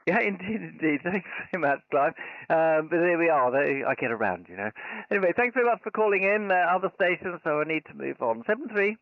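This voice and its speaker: A man's voice: on the high side, animated, fairly quick, gravelly, dry recording. A man working as an amateur radio operator, with polite procedural patter of call signs and signal reports, slightly muffled. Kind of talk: live ham radio contacts. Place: convention special event station. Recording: slightly muffled, dull sound.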